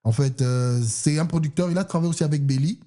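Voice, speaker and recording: A man's voice: on the high side, fast talker. A young man from Canada, a guest artist in a casual podcast chat, mixing English words into his talk. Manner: relaxed, mixes in English words.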